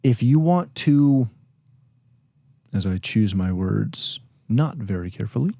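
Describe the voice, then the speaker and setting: A man's voice: fairly low pitch, animated, slow, gravelly, dark tone, no room sound, clean studio sound. A man co-hosting a casual podcast with his wife, blunt, plainspoken and self-deprecating. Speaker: podcast co-host.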